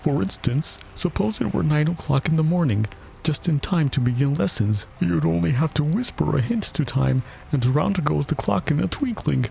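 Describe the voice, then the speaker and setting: A man's voice: fairly high pitch, expressive, moderate pace, creaky, mellow, slight background noise, pitched above the performer's own voice, poor audio. A man voicing an eccentric storybook hatter, contemptuous and pedantic, with a mournful streak. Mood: persuasive. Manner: haughty, pedantic, plaintive.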